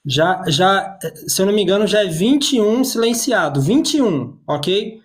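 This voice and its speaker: A man's voice: high voice, lively intonation, moderate pace. A man moderating a live debate, firm and warning, repeating himself for emphasis.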